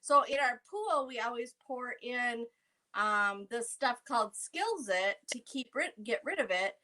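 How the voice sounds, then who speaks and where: A woman co-hosting a casual chat, telling stories in an animated, dramatic way. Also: a little high, measured pace. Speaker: co-host.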